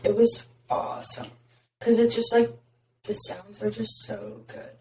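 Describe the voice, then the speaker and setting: A young woman with a raspy voice, hosting a podcast and telling stories in casual chat full of "like" fillers. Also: medium pitch, fairly even intonation, a little slow, dark tone. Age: young adult. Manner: chatty storytelling, many "like" fillers. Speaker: podcast host. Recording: roomy echo, faint noise.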